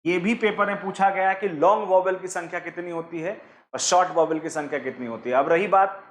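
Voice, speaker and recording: A man teaching an online exam-prep class, walking his students through each point one at a time. His voice sits high, and it rings out in a roomy space. He often stops to ask the class a question. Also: fairly quick, a little hiss or hum. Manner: explains step by step, asks the class questions; mixes English terms into his teaching.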